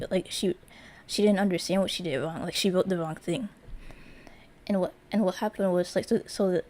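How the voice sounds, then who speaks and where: A woman's voice: medium pitch, warm tone. A young woman streaming live, telling a story to her chat in a rambling, casual way with lots of fillers and restarts. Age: young adult.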